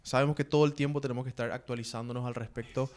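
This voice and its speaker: A man hosts a business podcast with a smooth, resonant voice. He opens the show and presents the guest in upbeat, polished presenter phrasing. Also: medium pitch, fairly even intonation, racing, darkish tone. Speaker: podcast host. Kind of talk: podcast hosting.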